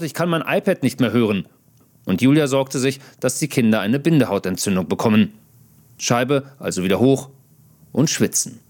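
A man in his thirties, a foreign correspondent, narrating a personal video diary with dry, self-mocking humor. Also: mid-range voice.

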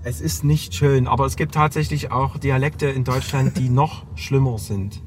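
A man's voice: medium pitch, steady tone, moderate pace, noisy background. Easygoing Saxon man chatting. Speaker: podcast guest. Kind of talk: casual podcast chat. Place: parked car.

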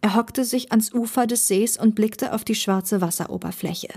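Woman reading a short story out loud, clear storytelling, scripted narration. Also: medium pitch, moderate pace. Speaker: voice-over narrator.

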